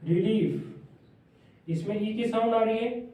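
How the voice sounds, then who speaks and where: Slow, high-voiced man teaching in an echoey room. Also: mellow. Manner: slow, repeats each word twice, asks the class questions. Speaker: shorthand teacher. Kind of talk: classroom lesson explaining shorthand. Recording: distant, echoey, dull lo-fi room sound.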